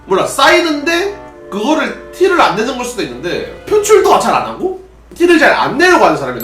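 A man's voice: high-pitched, fairly bright tone, far from the mic. A young man with a Gyeongsang accent, a former pro gamer chatting casually with his viewers on a solo drinking livestream and answering their questions. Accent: Gyeongsang Korean. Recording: roomy livestream audio with faint music.

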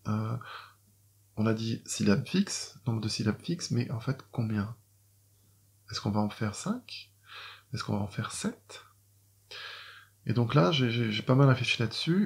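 Gravelly and on the low side, this voice belongs to a middle-aged Frenchman who practices medicine and writes poetry. Talking to viewers about his process for writing classical Chinese poems, he stumbles with frequent fillers and false starts.

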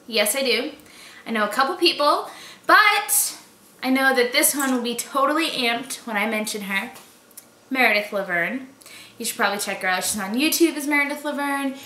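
High and sharp-toned, this woman's voice belongs to a Boston-area vlogger in her twenties who reads challenge questions aloud. She chats casually and playfully in slangy speech with a light Boston accent. The setting is a small room at home, and the sound has a roomy home echo.

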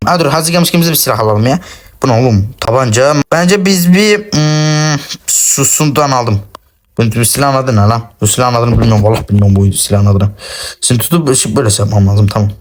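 A man giving excitable, cursing, self-mocking commentary while playing a shooter game on his phone. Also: mid-range voice, quick pace. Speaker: gaming channel host. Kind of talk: casual gameplay commentary.

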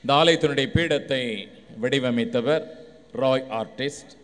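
A man acting as master of ceremonies at a church function, calling names one by one in a measured, formal way. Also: medium pitch, background noise. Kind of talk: formal stage announcements. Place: large church hall on a public address system. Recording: long hall reverb.

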